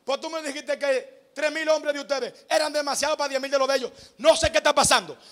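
A man preaching a sermon at a church service, telling a story in an animated way and shouting his emphatic lines. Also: extremely high pitch, fast. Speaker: evangelist preacher.

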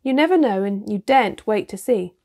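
Gruff blunt dwarf, as a woman reads him. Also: mid-range voice, expressive, brisk, darkish tone. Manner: blunt, practical, a touch grumbling.

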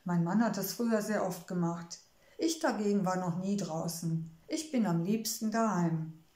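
A woman voicing a kindly, motherly female gnome who loves her forest home, speaking gently and wistfully in a storybook reading. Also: fairly low pitch, moderate pace, close to an everyday voice. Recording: roomy echo.

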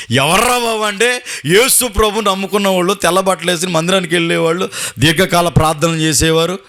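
A pastor with a gravelly, slightly high voice and a Telugu accent from Andhra delivers a Sunday sermon. He scolds his flock, fires off rhetorical questions and tells everyday stories to drive the point home. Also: fairly bright tone.

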